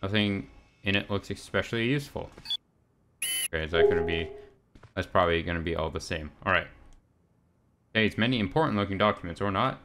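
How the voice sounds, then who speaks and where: A man's voice: sits low, fairly quick, pauses often, fairly bright tone. A man casually commenting on a video game as he plays, with dry, sarcastic remarks and frequent laughs. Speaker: let's play gamer.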